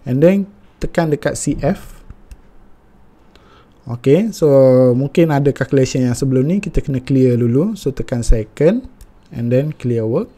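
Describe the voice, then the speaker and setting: Brief: young Malaysian man, mellow tone, patient step-by-step finance tutor, filler-heavy. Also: mid-range voice, lively intonation, unhurried, long pauses, slightly rough. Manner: mixes Malay and English, many fillers.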